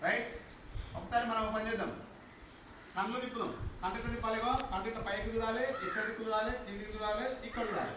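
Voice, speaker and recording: A man's voice: sits high, fairly even intonation, fast. A man, leading a live exercise class and repeating short commands to a group. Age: 50s. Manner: repetitive demonstrating commands to a group. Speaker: exercise instructor. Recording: echoey, far from the mic, noisy.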